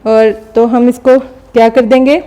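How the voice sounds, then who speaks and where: A woman teacher explaining a recorded lesson step by step, often pausing to check understanding. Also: a little high, flat delivery, dark tone. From Pakistan. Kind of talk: recorded classroom lecture.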